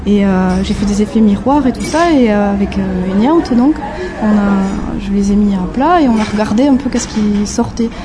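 A young woman from the French Basque Country, a graphic designer, answering interview questions in a casual, halting way, often searching for words. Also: mid-range voice, crowd noise.

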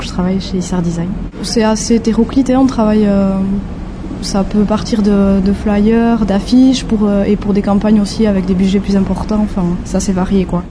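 A young woman from the French Basque Country speaks at a middle pitch, pausing and hunting for the right word as she answers. She talks casually, as a graphic designer explaining her work. Steady background noise with passing vehicles sits under her voice. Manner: halting, searching for words, soft laughs.

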